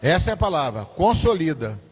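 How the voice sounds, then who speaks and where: Husky pastor in echoing hall. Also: male voice, fairly high pitch, big pitch swings, brisk. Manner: informal, repetitive, asks the class questions. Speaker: pastor teaching Sunday school. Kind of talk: conversational church teaching. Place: church hall. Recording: husky voice in a reverberant church hall.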